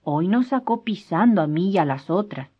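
A woman's voice: on the low side, animated, normal speed, husky. A woman voicing an old rural housemaid who speaks in a plaintive, complaining way. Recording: dull lo-fi recording.

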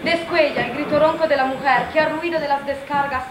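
A woman's voice: high-pitched, fairly even intonation, a little fast. A woman reading scripted stage directions as the narrator of a theatrical drama. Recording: echoey room with clear noise.

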